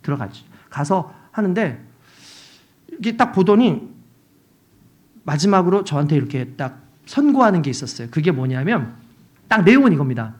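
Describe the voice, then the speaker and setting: Middle-aged man, guest pastor, emotional testimony sermon, lively and expressive pitch. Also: moderate pace, pauses often. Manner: emotional, animated storytelling.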